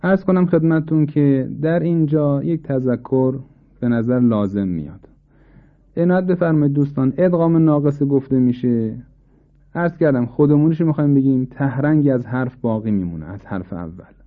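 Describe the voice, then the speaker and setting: A man giving a formal, patient lesson on Quran recitation rules, slowing down to demonstrate pronunciation. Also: mid-range voice. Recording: tinny phone-like sound.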